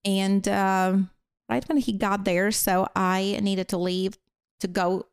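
Her mid-range voice is smooth and flat in delivery, and she speaks slowly. She's a Latvian woman with a Latvian accent using English as a later language, a guest rambling through casual stories with many fillers and apologetic laughs. The recording is dry and clean, studio sound.

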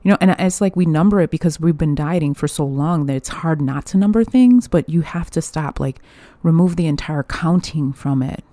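A young woman runs a casual solo podcast, chatting candidly while swearing freely and laughing often. Her low-pitched, mellow voice moves at a moderate pace with hardly any pauses, recorded dry.

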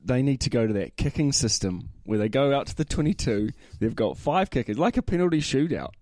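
A male co-host with a hugely swooping, animated delivery at a middle pitch. He chats casually and jokes in short slangy bursts, recorded dry. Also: brisk, no echo. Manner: joking, slangy, short interjections. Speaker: sports podcast co-host. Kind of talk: casual chat.

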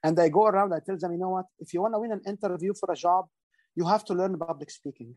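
A middle-aged man with a high, darkish voice talks rapid-fire as a guest in an interview, explaining public speaking. He is earnest and instructive, with frequent fillers and restarts, and the recording is dry.

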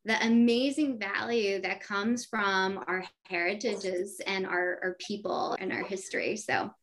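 A US-based venture capital partner whose first language is Spanish speaks as a guest in a conversational interview, sounding upbeat, enthusiastic, and businesslike. Her medium-pitched voice is steady and fairly bright, and she talks unhurriedly.

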